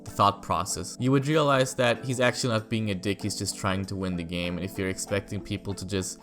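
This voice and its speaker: Male gaming vlogger, low register, freshly woken morning voice, frank off-the-cuff rant delivery over prominent guitar music. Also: steady tone, fairly quick, fairly bright tone. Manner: just-woke-up morning voice; blunt, mildly swearing. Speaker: gaming video creator. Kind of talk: casual opinionated gaming rant.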